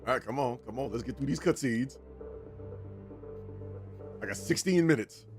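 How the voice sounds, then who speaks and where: A man's voice: medium pitch, moderate pace, over music. A man livestreaming a video game with casual running commentary. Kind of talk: casual gaming stream commentary.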